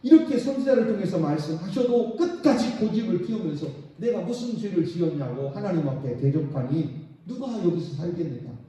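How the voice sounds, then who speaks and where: A man's voice: high-pitched, expressive, a little fast, warm tone. A middle-aged man preaching a sermon as pastor, dramatically acting out the voices of God and sinners. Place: church sanctuary. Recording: very echoey church hall, distant and dull.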